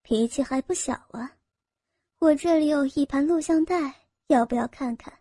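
A woman's voice: high-pitched, moderate pace, dark tone, no room sound, clean studio sound, close to an everyday voice. A woman voicing a cold, sneering female sales manager of about forty, speaking in a mocking, scolding way.

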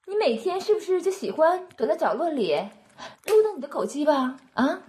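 A woman's voice: high-pitched, big pitch swings, normal speed, darkish tone. A woman playing a cruel foul-mouthed dominatrix. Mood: contemptuous. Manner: harsh, taunting, swears a lot, repeats questions. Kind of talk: adult humiliation role-play audio.

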